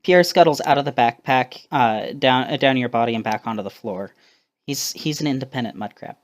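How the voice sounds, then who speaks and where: A woman's voice: very deep voice, fairly quick. A woman narrating a tabletop game as game master, hesitant, with many ums and small laughs.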